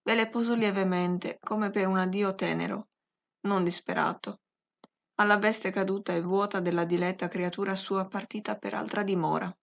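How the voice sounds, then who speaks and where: A woman narrating a classic novel as an audiobook, reading in a slow, measured and expressive way. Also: medium pitch, gravelly. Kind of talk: scripted literary audiobook narration.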